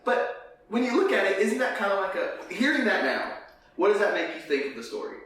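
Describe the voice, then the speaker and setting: Talking fairly quickly in a high voice, this man hosts a podcast about faith in a loose, joking way. His lisp makes his s sounds whistle, and he animatedly performs imagined conversations. Recorded on a distant mic in an echoey room, the clip carries faint noise.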